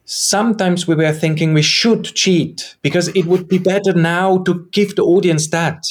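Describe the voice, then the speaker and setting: A theater maker and game co-creator, a man whose first language is German, answers interview questions in a searching, reflective way. His voice is high and steady, and he speaks at a moderate pace.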